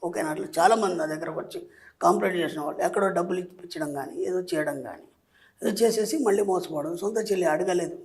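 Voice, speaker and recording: A middle-aged man, a spiritual teacher, giving advice as a guest and telling lively stories that act out what people say. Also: high-pitched, quick pace, gravelly. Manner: lively storytelling, acting out quoted speech. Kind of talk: explanatory advice talk.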